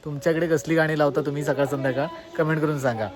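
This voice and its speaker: A man's voice: a little high, fairly even intonation, very fast. Chatty village vlogger man. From Konkan, Maharashtra. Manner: chatty, addresses viewers as a group, asks them to comment. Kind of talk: casual vlog narration.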